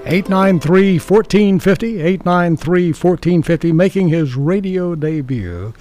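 A man's voice: sits high, a little slow, warm tone, soft background music. A man hosting a live local talk radio show, chatting with guests and callers. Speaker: radio host.

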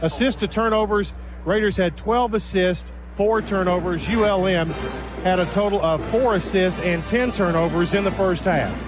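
A man's voice: sits high, moderate pace, music in the background. A man with an American accent hosting a sports broadcast, reading halftime statistics.

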